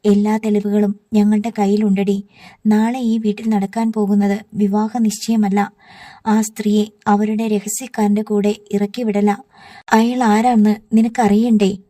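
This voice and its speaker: A woman's voice: mid-range voice, flat delivery, unhurried, dark tone, no echo, close to an everyday voice. Woman reading a tearful loving older sister. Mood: urgent.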